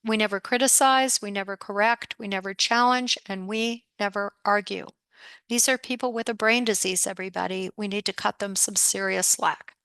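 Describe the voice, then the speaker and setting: An upbeat woman presenting a webinar from her office, speaking straight to her listeners and often calling out to everybody. Her voice is bright and forceful, with a crisp, smooth clarity. The sound is close and dry. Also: mid-range voice, steady tone, moderate pace, no echo. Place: home or office desk.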